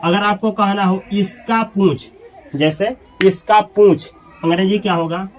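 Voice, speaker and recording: A man's voice: a little slow, rough recording. A man teaching English grammar, drilling words over and over and putting questions to his students. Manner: drops low and soft when marking mistakes. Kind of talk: spoken grammar lesson.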